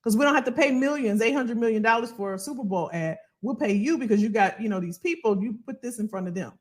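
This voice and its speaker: A woman hosting a casual livestream as a financial coach, animated and colloquial, repeating phrases for emphasis. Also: on the high side, quick pace. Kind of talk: casual livestream talk to viewers.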